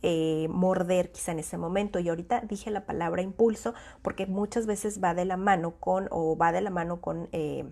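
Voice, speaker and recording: A woman's voice: lowish voice, steady tone, moderate pace, gravelly, few pauses, warm tone. A woman psychologist gives parents an informal talk. She explains her points through everyday examples and sometimes acts out the voices she quotes. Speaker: child psychologist.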